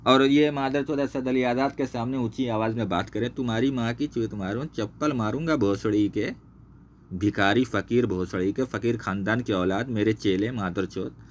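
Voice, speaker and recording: A man speaks at normal speed in a mid-range voice, slight background noise audible. He's a channel host exposing a former associate in a furious screen-share rant, full of profanity and repetition as he points to things on screen.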